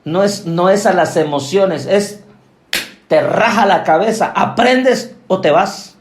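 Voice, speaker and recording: A man preaching a sermon as an apostle, forceful and emphatic. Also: high voice, takes it slowly, reverberant.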